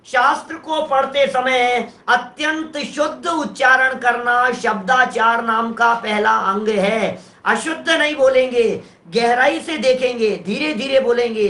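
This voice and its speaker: The reverberant recording captures a man, a Jain preacher, working through a verse phrase by phrase in his sermon and putting rhetorical questions to those listening. His voice is very high and sharp, delivered at a measured pace.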